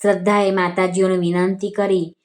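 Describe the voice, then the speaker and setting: A woman with a Gujarati accent narrating a devotional vrat story in a calm, measured reading voice. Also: mid-range voice. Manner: calm, measured reading with quoted dialogue lines.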